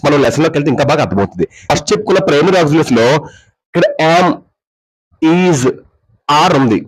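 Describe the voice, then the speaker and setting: A man's voice: a little high, lively intonation, fast, breathy edge, low-quality recording. A man teaching English grammar, explaining in mixed with English and often checking that his students follow. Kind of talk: classroom grammar lesson.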